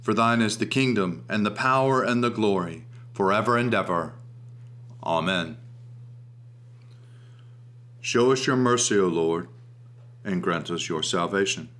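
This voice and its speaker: A man leading liturgical prayer, reciting in solemn, measured phrases as an officiant. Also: fairly low pitch, fairly bright tone.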